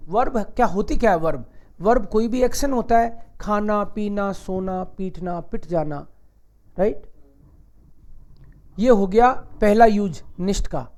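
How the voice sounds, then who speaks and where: High-voiced man teaching grammar chattily. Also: darkish tone. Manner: chatty, teasing, asks rhetorical questions. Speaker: German teacher. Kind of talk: casual classroom-style lesson.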